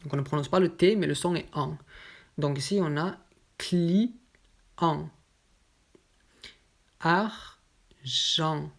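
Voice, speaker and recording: A woman teaching French pronunciation, explaining each example word patiently and saying it slowly and carefully. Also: deep voice, a little mellow. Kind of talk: slow explanatory lesson.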